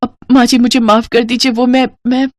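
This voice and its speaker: A woman's voice: on the high side, flat delivery, moderate pace, noisy background, pitched above the performer's own voice, lightly acted. A woman voicing a timid young bride in a storybook, speaking in a pleading, fearful way. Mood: earnest.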